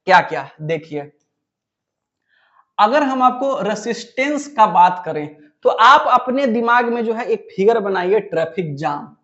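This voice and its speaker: A man's voice: sits high, lively intonation, unhurried, fairly bright tone, lo-fi sound. A man teaching a physics lesson, who asks the class questions and then answers them himself. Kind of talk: classroom lecture.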